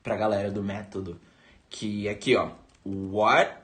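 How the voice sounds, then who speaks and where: A man with a Brazilian Portuguese accent teaching English pronunciation in an online lesson, repeating English words slowly for learners. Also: on the high side, sing-song.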